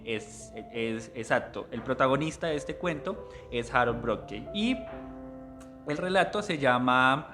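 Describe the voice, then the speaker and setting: A man's voice: mid-range voice, a bit bright. A man presenting a book at a literary café, talking in a hesitant way and often correcting himself. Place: public library.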